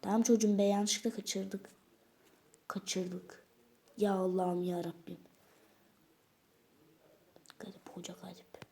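A woman's voice: mid-range voice, fairly even intonation, slow, long pauses, mellow. A woman doing a weary grumbling teacher. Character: weary exasperated school teacher. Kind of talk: toy role-play voice acting.

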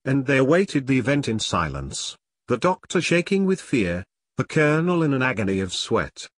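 A man narrating a classic story in a measured, even reading style. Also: medium pitch, no room sound. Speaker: audiobook narrator. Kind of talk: scripted narration.

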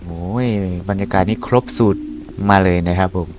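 A man's voice: low-pitched, steady tone, moderate pace. A young man casually commenting while playing a horror game, jumpy and exclaiming often. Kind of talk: casual let's-play commentary.

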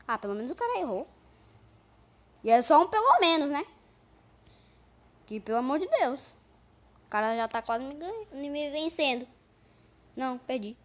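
A woman's voice: high-pitched, very animated, moderate pace, long pauses. A young Brazilian woman giving casual, playful commentary on her own gameplay, repeating words in a sing-song way and laughing often. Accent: Brazilian Portuguese. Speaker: gaming youtuber.

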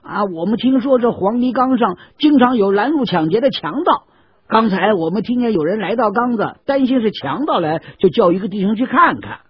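A man's voice: high voice, expressive, brisk, breathy edge, no echo, pitched above the performer's own voice, full character voice. A man voicing a group of sly, friendly male date traders who coax and wheedle, on a dull, dry lo-fi recording. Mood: guarded. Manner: coaxing, wheedling.

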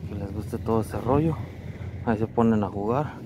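Loud outdoor noise accompanies a man picking through curbside trash on a residential street, narrating to his viewers via a chest-mounted action camera. The vlogger's voice is lowish and moderately paced, chatty, and he repeatedly addresses his audience as "mi gente."

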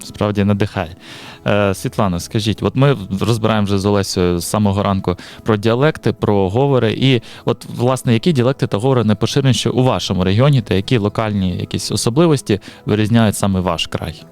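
A man hosting morning radio with a lowish voice and quick, upbeat delivery. Faint music plays behind him as he introduces the guest. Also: a little mellow. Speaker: radio host.

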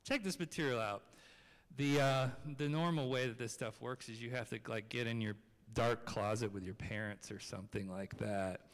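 A man's voice: medium pitch, moderate pace. A man in his thirties giving a children's message in a large church, talking casually and asking the kids questions, into a handheld microphone. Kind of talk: children's sermon. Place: large church sanctuary, seated on chancel steps. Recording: long reverb of a church hall.

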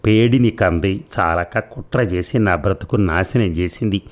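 A man narrating a first-person audio story with a measured, steady reading. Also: low voice.

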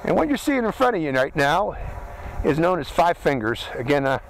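This drone reviewer and channel host, a middle-aged Pittsburgh man, talks a little high and sing-song at normal speed, with vocal fry and a rough-sounding recording. Out in a windy desert canyon, he walks through a product step by step in a casual, chatty, hands-on way. His hat-mounted body camera picks up noisy outdoor action-camera audio.

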